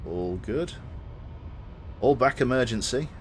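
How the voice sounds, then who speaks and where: A man's voice: mid-range voice, animated, slow, heavy background noise. A man giving gameplay commentary and spoken commands, muttering to himself and swearing. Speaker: gamer commentating on own play.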